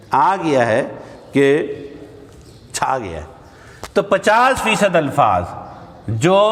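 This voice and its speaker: A man with a slightly high voice delivers a grammar lesson as a classroom lecture. He talks conversationally, asking rhetorical questions and checking in with his listeners, while his voice rings with the long reverb of a large hall. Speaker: Arabic grammar teacher. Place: mosque hall.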